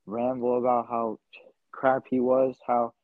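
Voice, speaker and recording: Laid-back young guest on a dull mic. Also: male voice, medium pitch, monotone, a little slow, dry recording. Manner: laid-back, filler-heavy storytelling. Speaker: podcast guest. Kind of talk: casual interview.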